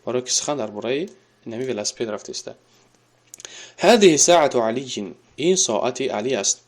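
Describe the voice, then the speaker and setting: A man gives a recorded Arabic lesson in a middle-pitched voice. He reads each example sentence slowly, then talks it through with frequent filler sounds. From Tajikistan. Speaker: Arabic teacher.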